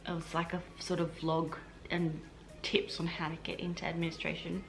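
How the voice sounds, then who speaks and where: The speaker is an Australian health administration officer who vlogs, rambling casually to camera with plenty of fillers and restarts as she explains. She has a lowish, monotone voice at normal speed, and the rough recording carries a little hiss or hum.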